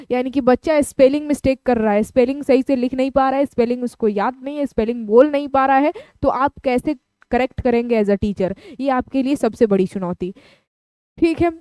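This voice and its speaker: A woman teaches an exam-prep lesson, explaining each term and restating it in simpler words. Her voice sits a little high yet sounds mellow and smooth. The recording is close and dry. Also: no echo. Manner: explanatory, repeats terms in several languages.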